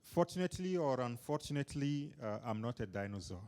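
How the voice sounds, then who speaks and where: A youth official giving a formal conference address, measured with a touch of humor. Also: male voice, mid-range voice, big pitch swings, darkish tone.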